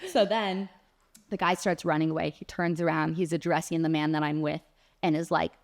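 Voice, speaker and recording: A young woman co-hosting a casual chat podcast, telling a story with lively acted-out quotes and frequent laughter. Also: sits low, brisk. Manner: animated storyteller, acts out quotes, laughs often. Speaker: podcast co-host.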